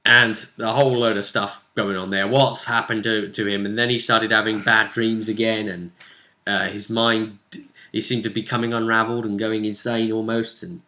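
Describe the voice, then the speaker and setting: A man acting as game master casually recaps a tabletop roleplay session, conversational and storytelling, briefly acting out character quotes. His lowish voice is level and sharp in tone at a moderate pace.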